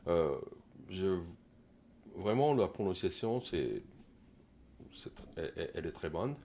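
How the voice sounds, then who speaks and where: Man, very low voice, slow-paced, hesitant pronunciation coach, gentle critique, lots of pauses. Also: very animated, gravelly, a little hiss or hum. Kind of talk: casual pronunciation lesson.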